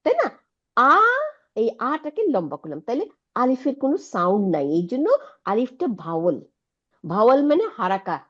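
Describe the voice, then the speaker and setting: A woman's voice: on the high side, big pitch swings, moderate pace, pauses often, fairly bright tone, highs cut off. A woman teaching an Arabic lesson, patiently explaining and asking her students checking questions. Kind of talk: online Quranic Arabic lesson.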